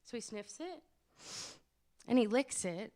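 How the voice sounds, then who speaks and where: A woman's voice: fairly high pitch, expressive, measured pace, darkish tone. Woman doing standup for a crowd, casual rambly story, stops and starts. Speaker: stand-up comedian.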